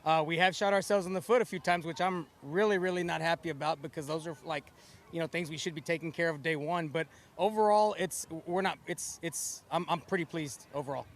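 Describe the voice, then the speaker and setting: A man with an American accent, a football coach answering in a sideline interview, haltingly and repeating words. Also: a little high, steady tone, vocal fry.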